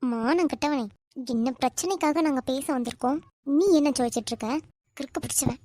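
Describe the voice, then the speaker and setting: A woman voicing a sulky, sharp-tongued young village girl in a cartoon, with a Kanyakumari Tamil accent. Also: sits high, brisk, close to an everyday voice. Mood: scolding. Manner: sulky, curt, snapping retorts. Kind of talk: cartoon voice acting.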